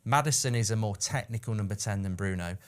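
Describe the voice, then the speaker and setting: A man, giving opinionated, excitable takes as a pundit in a casual football chat. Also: on the low side, fast. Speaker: pundit, club fan.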